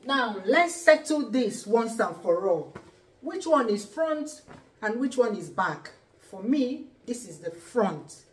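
A cooking channel host, a Nigerian woman in her forties, films a cook-along in her home kitchen with the camera at a distance. Her voice is a little high and sing-song, and she speaks slowly over slight background noise. She's chatty and playful, thinking aloud as she cooks.

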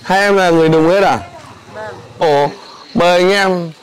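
A man's voice: sits high, moderate pace. A man hosting a food vlog, bantering with vendors and laughing often at an outdoor market. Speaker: food vlogger host. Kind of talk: casual market vlog chat. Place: busy outdoor local market. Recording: busy outdoor market crowd. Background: crowd chatter.

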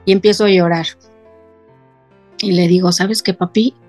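A woman's voice: lowish voice, fairly even intonation, moderate pace, darkish tone, faint music behind. A middle-aged woman, a guest in an interview, telling an emotional personal story and quoting her family as she goes. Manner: retells scenes by quoting family in her own voice.

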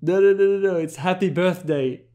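A man from France in his thirties, whose voice sits high and moves at a moderate pace, reviews a language app on YouTube. In his living room, he mixes a casual phone chat with presenting to camera, staying lively and friendly, laughing often and switching languages.

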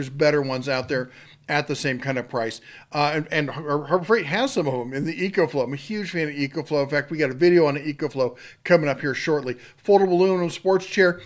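A man's voice: a little high, fairly bright tone. A middle-aged man hosting a tool channel, rambling through sale items in a folksy, casual way with lots of fillers and restarts. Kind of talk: casual product rundown.

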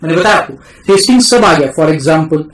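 Echoey Indian teacher drilling tax terms. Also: male voice, a little high, expressive. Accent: Indian English. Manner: mixes Hindi and English, calls students "beta", drills key terms slowly. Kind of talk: classroom lecture.

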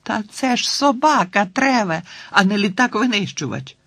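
A male audiobook reader voicing an excitable young girl who exclaims in a high, breathless voice. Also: normal speed, gravelly, dry recording, exaggerated voice. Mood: excited. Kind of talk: audiobook character voice.

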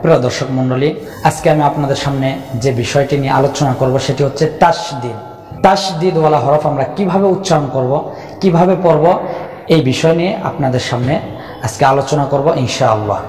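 A man's voice: mid-range voice, a little fast, darkish tone. A man teaching the rules of Quran recitation, patiently repeating each rule and drilling syllables. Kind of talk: Quran reading lesson. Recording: echoey room with long reverb.

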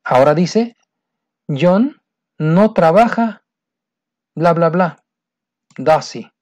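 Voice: mid-range voice, expressive, extremely slow, darkish tone. An English teacher explains grammar in a recorded lesson. The teacher is patient and repeats points, often checking that the student is following. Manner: patient, repetitive, keeps checking understanding.

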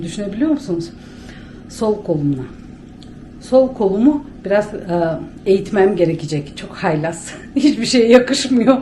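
A woman's voice: medium pitch, dark tone, slight background noise. A chatty woman with a Bulgarian Turkish accent, talking casually to her camera at home as she rambles and laughs often. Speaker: vlogger. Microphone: handheld camera.

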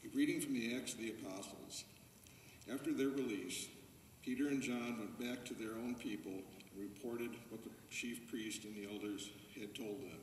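A man with a fairly low voice reads scripture steadily and deliberately. He is heard from a distance, and the big church adds a long, lingering echo. A faint hiss sits beneath him. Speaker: lector reading scripture. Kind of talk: scripture reading. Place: large church sanctuary, indoors. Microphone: distant camera microphone. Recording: echoey church captured from afar.

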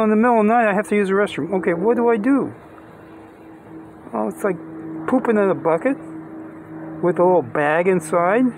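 This is a self-filmed vlog from an older man with a high-pitched, darkish voice, recorded on a close phone with a little hiss or hum. He rambles plainly, restarts a lot, and does mental math aloud, first outside in a park, then in a van.

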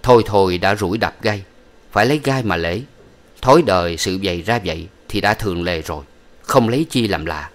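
Low-voiced male storybook narrator. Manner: steady, measured reading. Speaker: audiobook reader.

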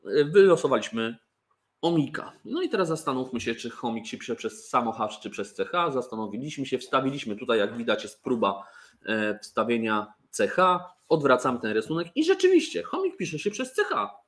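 A man's voice: medium pitch, very animated, moderate pace, a bit bright. A man casually presenting board games, joking and often restarting his sentences. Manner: chatty, joking, with fillers and restarts. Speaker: toy company presenter.

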